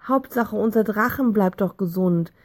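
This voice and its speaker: A woman's voice: medium pitch, moderate pace, lightly acted. A woman voicing a kind, magical pig creature who comforts the children, in a storybook reading. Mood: gentle.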